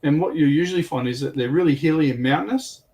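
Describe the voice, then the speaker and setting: Speaking fast in a higher voice with a darkish tone, this man is a panelist on a livestream, heard through a distant mic. His talk is informal and full of anecdotes about military history and tabletop wargaming.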